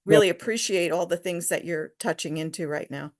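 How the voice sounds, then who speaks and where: A woman speaks up at a local board meeting in a friendly, slightly apologetic way. Her voice is low for a woman. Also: brisk, darkish tone. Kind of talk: town meeting discussion.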